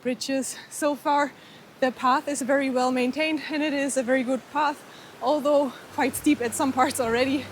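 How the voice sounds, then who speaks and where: A woman's voice: sits high, fairly even intonation, normal speed, slight background noise. A young woman with a way of talking, chatting eagerly to the camera while hiking outdoors, a little out of breath. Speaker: travel vlogger. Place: outdoors on a mountain hike.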